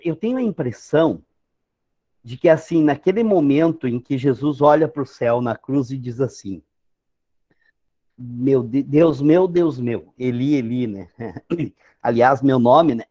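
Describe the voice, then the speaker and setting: Joking Brazilian pastor, lively and casual. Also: male voice, on the high side. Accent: Brazilian Portuguese. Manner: joking, conversational, animated asides. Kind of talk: informal sermon talk.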